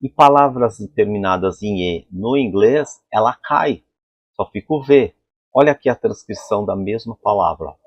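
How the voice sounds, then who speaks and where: A man's voice: lowish voice, lively intonation, normal speed, breathy edge, no echo. A man teaching an English pronunciation lesson at a board, explaining sounds and asking the class rhetorical questions. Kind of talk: whiteboard phonetics lesson.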